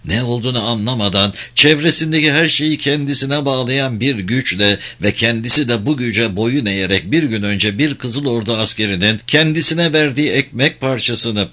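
A man narrating literary fiction as an audiobook, in a slow, measured, somber way. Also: mid-range voice, bright, forceful tone.

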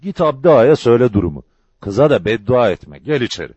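A stern village father gives short, blunt orders, as a male storyteller voices him. His voice is husky and mellow. The recording is dull and dry, like an old audiobook. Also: mid-range voice, very animated, fairly quick, no room sound. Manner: blunt, commanding.

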